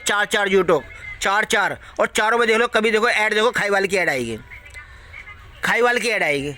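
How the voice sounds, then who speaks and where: A man's voice: high voice, pushed and bright. A man ranting casually at his viewers, repeating himself a lot and swearing freely as he warns them and gives betting tips. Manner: repetitive, preachy, swears freely. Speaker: satta tipster YouTuber.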